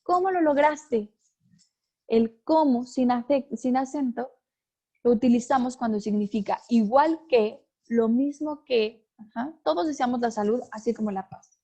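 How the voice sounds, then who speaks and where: A woman's voice: fairly high pitch, measured pace, warm tone. A woman teaching a class, explaining step by step and often checking in with her students. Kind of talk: online class lecture.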